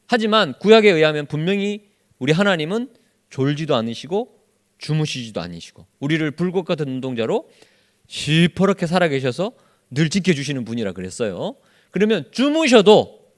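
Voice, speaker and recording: A male pastor leading a Bible study sermon who keeps quizzing his congregation with questions. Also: a little high. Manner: acts out quoted speech in lively voices.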